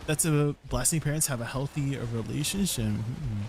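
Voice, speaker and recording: A man's voice: medium pitch, moderate pace, creaky, darkish tone. A man with a mid-range voice chats casually on a live stream. He tells stories conversationally and picks up comments from viewers as he goes. Faint ambient noise sits behind his voice. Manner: chatty storytelling, repeating viewer comments aloud.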